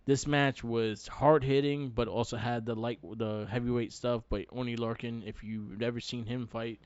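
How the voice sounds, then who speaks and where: A man's voice: medium pitch, normal speed, clear, resonant tone, no room sound. Casual male podcast co-host, easygoing and chatty, dull recording. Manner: relaxed, rambling, laughs often. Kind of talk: casual chat.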